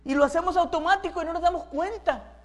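A woman's voice: extremely high pitch, fast. A woman preaching a sermon, asking the audience questions and acting out everyday scenes with sound effects.

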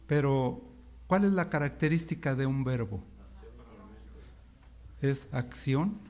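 A male pastor delivering an interactive sermon in a church over a microphone, leading the congregation in call-and-response. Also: fairly high pitch.

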